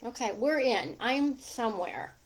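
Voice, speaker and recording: A middle-aged or older woman hosts a livestream as a coach, chatting informally with viewers and wandering into rambling asides. A gap in her teeth gives her a lisp with a whistling, slushy s. Her voice is fairly high, expressive and unhurried.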